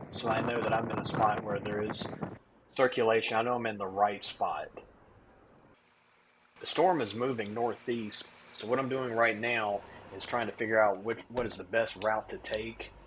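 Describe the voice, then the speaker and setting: A man's voice: lowish voice, background noise. A man giving a casual, explanatory voice-over as a storm chaser narrating his own footage.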